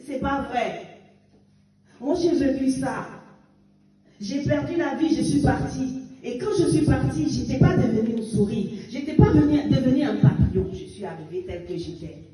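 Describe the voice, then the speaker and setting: A woman in her fifties gives a passionate church testimony and exhortation, breaking into emphatic, rising outbursts. Her voice sits high and mellow with lively intonation at a normal pace, captured at a distance in an echoing hall.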